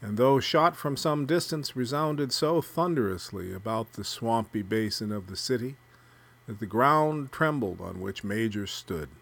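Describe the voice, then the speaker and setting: A man narrating a literary story, reading prose aloud with a measured, even delivery. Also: mid-range voice, vocal fry.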